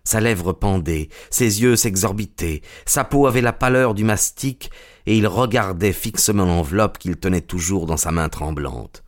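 Male audiobook narrator, lower voice, measured dramatic first-person storytelling.

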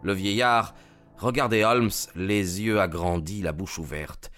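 A man narrating an audiobook in a measured, dramatic way. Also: sits low, fairly even intonation, fairly bright tone, faint music behind.

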